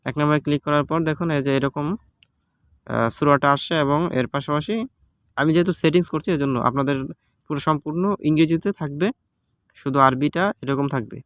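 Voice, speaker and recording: Casual Bangladeshi-accented male tutorial host, patient and repetitive, fairly high pitch, dry sound. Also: moderate pace, a bit bright, no echo. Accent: Bangladeshi Bengali. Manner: patient, repetitive step-by-step explaining with many fillers. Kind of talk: casual screen-recorded app tutorial. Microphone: phone recording.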